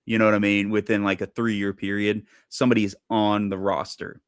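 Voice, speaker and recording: A man's voice: on the low side, level tone, fairly quick, smooth, no echo, clean studio sound. A man co-hosting a sports podcast, chatting casually and rambling with lots of fillers. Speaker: podcast co-host. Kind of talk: casual chat.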